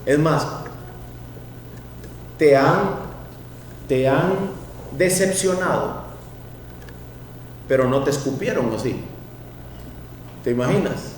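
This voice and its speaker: A middle-aged man, a pastor, preaching a sermon and asking the congregation questions, at times rising to loud cries. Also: a little high, takes it slowly, long pauses. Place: church sanctuary. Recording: echoey hall from far off, faint noise.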